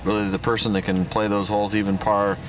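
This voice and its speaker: A man giving explanatory golf commentary as an analyst, in a conversational, halting way. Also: lowish voice, little pitch movement. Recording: distant voice under loud outdoor noise.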